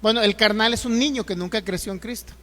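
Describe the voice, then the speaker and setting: A male pastor with a Mexican accent preaching a sermon, reading scripture slowly and loudly and then explaining it with rhetorical questions. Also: high-pitched, long reverb tail. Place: church hall.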